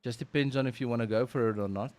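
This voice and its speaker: A man's voice: medium pitch, steady tone, quick pace. South African man doing casual gaming commentary. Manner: informal, slangy. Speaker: livestream host and game commentator.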